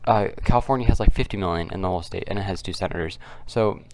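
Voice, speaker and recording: Male video commentator, deep and fry-heavy, quiet subdued delivery, casual and unscripted, halting. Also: a little hiss or hum. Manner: kept quiet, subdued because others are nearby. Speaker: political commentary video host. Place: at home, others nearby.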